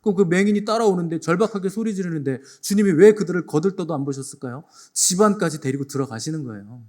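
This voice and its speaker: Male pastor with a slightly high voice, emphatic sermon delivery with rhetorical questions. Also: fast, a little mellow. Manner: playful asides while retelling stories. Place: church.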